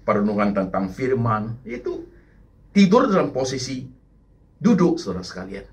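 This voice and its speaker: A man's voice: medium pitch, sing-song, normal speed, a little mellow. A middle-aged male pastor preaching a sermon in church, calling the congregation "my brothers" again and again and building to emphatic bursts. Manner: addresses the congregation as "saudaraku" over and over, rising to emphatic bursts; mixes English phrases into the sermon.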